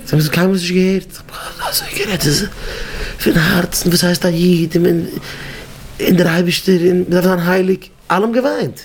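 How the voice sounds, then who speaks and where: A man teaching educators in a rabbinic lecture, telling stories in halting, repetitive speech. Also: sits high, level tone. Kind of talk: Yiddish-flavored Torah lecture.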